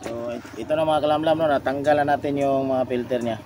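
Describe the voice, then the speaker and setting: A man, a mechanic explaining a car repair to viewers in a halting way, pausing and repeating himself. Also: mid-range voice, steady tone, darkish tone, slight background noise.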